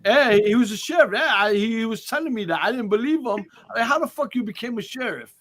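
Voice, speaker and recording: A self-described boxing historian talks excitedly in a group chat, stammering and swearing freely. His voice is extremely high-pitched and he talks fast.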